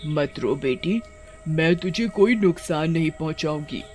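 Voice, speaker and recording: A man voicing a kindly female river witch in a storybook tale, speaking gently and soothingly like a mother. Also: on the high side, lively intonation, a little slow, soft background music.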